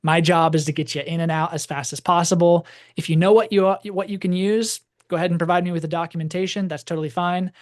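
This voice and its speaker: Man doing a hurried cashier, curt, businesslike, fairly high voice. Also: fairly even intonation, lightly acted. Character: hurried, impatient male store cashier.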